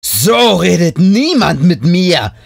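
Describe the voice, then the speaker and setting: A man voicing an angry, bossy teenage schoolgirl who talks loudly and drags her words out. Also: lowish voice, big pitch swings, normal speed, no echo, studio quality, full character voice. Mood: furious. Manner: loud, furious and drawn out.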